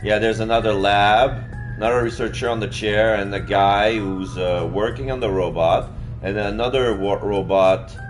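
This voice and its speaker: A man's voice: fairly low pitch, fairly even intonation, normal speed. A man playing a video game, commenting casually and playfully and reading the on-screen text aloud. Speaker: let's play streamer. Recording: background music under the voice.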